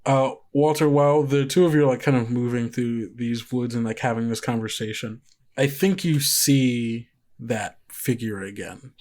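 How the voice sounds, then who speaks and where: This game master runs a tabletop roleplaying game, narrating casually and conversationally as he improvises. He has a mid-range, slightly mellow voice with a steady tone and moderate pace. Plucked guitar music plays behind him.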